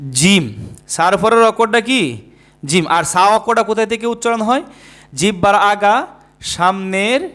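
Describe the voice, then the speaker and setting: A man's voice: high-pitched, fairly bright tone. A man teaching a lesson, patiently repeating each letter so learners can echo it. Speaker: Quran teacher. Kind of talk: slow, repetitive letter-drill lesson.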